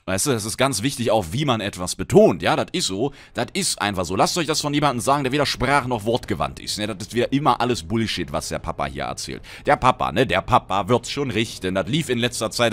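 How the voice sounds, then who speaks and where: A young man talks over his gameplay at a desk mic. His pitch jumps around a lot as he reacts to the match. He throws in slang and sudden loud shouts. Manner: excited slangy banter, quick outbursts. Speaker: gaming channel host. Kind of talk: Let's Play commentary.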